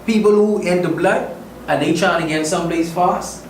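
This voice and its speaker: A man's voice: sits high, normal speed. A man from the Bahamas with a Bahamian accent, a musician speaking earnestly and emphatically with slang in a casual interview. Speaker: musician guest. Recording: echoey room, distant mic, faint noise.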